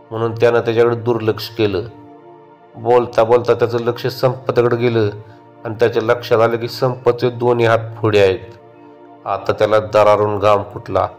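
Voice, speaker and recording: A man reads a horror story in a steady, measured manner. His voice is low and keeps a narrow, flat range, with faint music playing underneath. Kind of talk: scripted horror narration.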